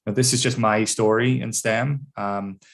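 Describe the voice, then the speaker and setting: A man's voice: mid-range voice, flat delivery, moderate pace, creaky. A middle-aged man with a northwest Irish accent from Donegal, giving an informal, reflective career talk to students over a video call. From Donegal, Ireland. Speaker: guest speaker, engineer.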